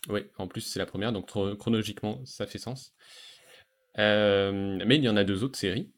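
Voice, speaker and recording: A man hosting a relaxed podcast conversation, talking enthusiastically about animated series with frequent fillers and restarts. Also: lowish voice, moderate pace. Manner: enthusiastic, hesitant with many fillers. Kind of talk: casual chat.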